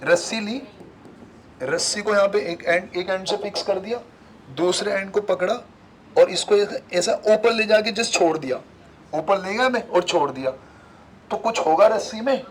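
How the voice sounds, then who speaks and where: High-voiced man lecturing a class. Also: normal speed, a little hiss or hum, poor audio. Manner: questions the class constantly, repeats key terms. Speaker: physics teacher.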